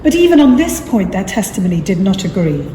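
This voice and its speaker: A woman's voice: medium pitch, big pitch swings, a little fast, dark tone. A woman narrator reading scripture as part of a dramatic reading. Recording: echoey reverberant hall, clear background noise.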